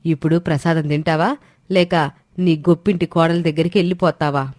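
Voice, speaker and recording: A woman's voice: low-pitched, steady tone, fairly quick, no room sound, clean studio sound, natural voice. A woman as a stern proud mother-in-law. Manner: forceful, scolding. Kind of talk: storybook drama voice.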